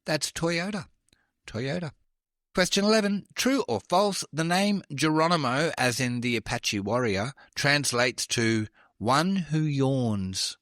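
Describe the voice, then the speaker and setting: A man's voice: on the high side, expressive, takes it slowly, noisy background. A man hosting a trivia podcast, reading questions with chatty, self-deprecating asides. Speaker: quiz podcast host.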